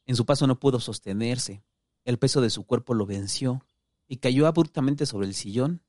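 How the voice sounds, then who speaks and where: A man narrating a story in a steady, measured reading voice. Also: medium pitch, no room sound. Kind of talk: audiobook narration.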